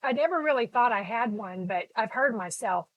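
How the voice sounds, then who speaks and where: Painting during a live stream shot on her phone camera, this middle-aged art teacher from Texas talks chattily with viewers, wandering off topic and calling them by name. She speaks a little high and expressively, at a moderate pace. The audio is muffled, without echo.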